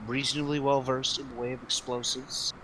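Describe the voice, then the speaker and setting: A man playing a tabletop game, talking in a halting, jokey way. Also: medium pitch, flat delivery, a bit bright, slight background noise, rough recording. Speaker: player.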